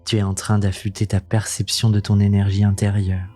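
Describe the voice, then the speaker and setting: A man leading a guided meditation in a soothing, gentle, intimate voice that sounds close to the ear, unhurried and calming, as the host of the practice. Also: lowish voice, soft background music. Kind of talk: slow guided meditation narration.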